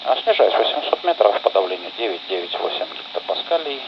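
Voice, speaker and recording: A low, gravelly male airline pilot transmitting from the cockpit over aviation radio. He speaks in clipped radio phrasing with drawn-out hesitations, and his pitch swings widely. The transmission is muffled and heavy with hiss. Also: very animated. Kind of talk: air traffic radio exchange. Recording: muffled, noisy airband radio capture.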